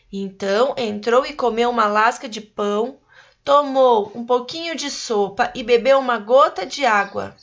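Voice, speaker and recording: Slow, patient Brazilian woman teacher. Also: on the high side, creaky, highs cut off. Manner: slow, patient, explaining to children. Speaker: primary school teacher. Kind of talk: reading a storybook aloud to young pupils and explaining.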